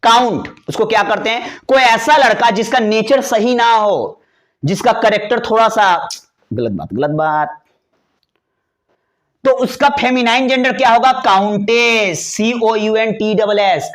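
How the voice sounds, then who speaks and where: A man teaches English grammar words. He talks in a chatty, playful way, spelling each word out letter by letter and stretching the key words slowly. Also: high-pitched. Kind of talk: classroom lesson explaining vocabulary.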